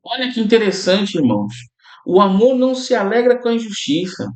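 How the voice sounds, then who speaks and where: A man's voice: high voice, very animated, fairly quick, darkish tone, echoey room. A man preaching a sermon as a pastor, in a conversational way, often calling out to his listeners and checking in with them. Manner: conversational preaching, often addresses listeners as brothers and tags lines with "né?".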